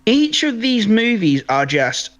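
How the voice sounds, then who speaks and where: A man whose voice sits high speaks at a slow pace, somewhat bright, with big pitch swings. Co-hosting a podcast, he casually reviews films, opinionated and emphatic, repeating phrases for stress.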